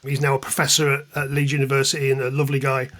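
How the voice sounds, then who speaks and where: A man in his fifties from England's East Midlands, a music journalist and author, reminisces casually as an interview guest, telling anecdotes with self-deprecating humor. His medium-pitched voice is monotone and slightly bright, and he talks in rapid-fire bursts.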